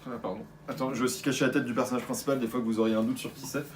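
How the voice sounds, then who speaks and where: A man's voice: mid-range voice, steady tone, rapid-fire, a little hiss or hum. Enthusiastic French man chatting casually. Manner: enthusiastic, rambling with hesitations. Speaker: shop video host. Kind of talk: casual chat presenting new manga releases. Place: shop indoors.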